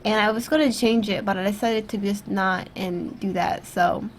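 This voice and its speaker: Speaking at a normal pace in a steady, medium-pitched voice, a young woman narrates her gaming video for YouTube. Her voice is throaty and congested from recent illness, and her commentary is casual, rambling, self-deprecating, and packed with fillers. A faint hiss or hum comes through her USB desktop microphone.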